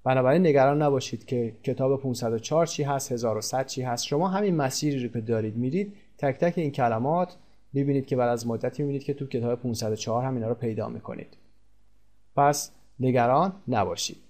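A man whose first language is Persian, teaching English in a recorded lesson, explaining step by step and drawing out the English example phrases slowly. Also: medium pitch, a little mellow.

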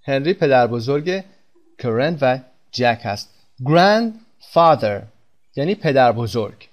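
A male teacher whose first language is Persian gives a recorded English lesson. He reads English sentences very slowly and explains them quickly in his own language. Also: mid-range voice, animated.

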